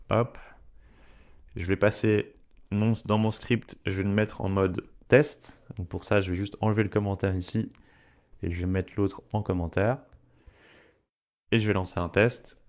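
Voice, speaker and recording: Give me a man, explaining software step by step to his viewers. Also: deep voice. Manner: chatty, addresses viewers directly, walks through steps. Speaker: tutorial creator. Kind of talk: screen-share software tutorial.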